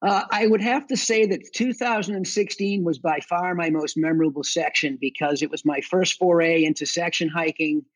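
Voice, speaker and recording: A man's voice: a little high, normal speed, hardly any pauses, no room sound, low-quality recording. A middle-aged man with a Boston accent, telling his experiences conversationally as an interview guest, in a matter-of-fact way. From Boston area, United States. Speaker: interview guest, army veteran and section hiker.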